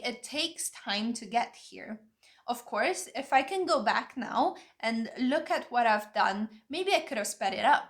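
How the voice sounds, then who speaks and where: Speaking to camera on the high side with a fairly bright tone, a young woman with Vietnamese and Hungarian as her first languages gives advice in a talking-head video. As a language-learning creator, she explains step by step in an earnest, opinionated manner.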